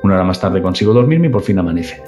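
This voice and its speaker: A man's voice: sits low, lively intonation, rapid-fire, darkish tone, soft background music. A man co-hosting a casual live-stream show, reading a listener's story aloud and joking and swearing as he goes. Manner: joking, swears freely, comments on the story as he reads. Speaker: podcast co-host reading listener stories.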